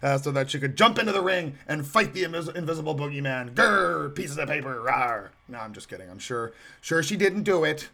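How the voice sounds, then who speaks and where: A man delivers a solo podcast rant in a high, gravelly voice. He mocks and scoffs, circling back with many restarts. The sarcasm never lets up. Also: lively intonation, fast, hardly any pauses, a crowd in the background. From Canadian prairies. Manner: sarcastic and mocking, rambling with restarts. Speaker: podcast host.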